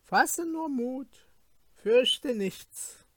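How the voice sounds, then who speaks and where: A sly male werewolf from a fairy-tale audiobook speaks softly and coaxingly at a slow pace, as a reader puts him on. The sound is close and dry. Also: sits high, lively intonation, no room sound, voice pushed up, heavily acted. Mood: soothing.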